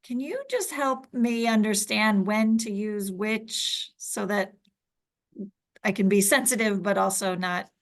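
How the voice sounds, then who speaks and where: A woman hosting an interview, asking her questions gently and attentively. She hesitates with "um" as she picks her words. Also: medium pitch, takes it slowly. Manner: polite and attentive, hesitant with fillers. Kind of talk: conversational interview.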